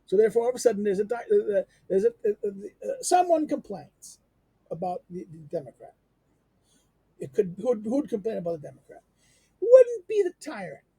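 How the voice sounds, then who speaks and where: A middle-aged man giving an unscripted lecture on a text, halting with many fillers, restarts and rhetorical questions. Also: sits high, sing-song, gravelly, dark tone, slightly rough, no echo.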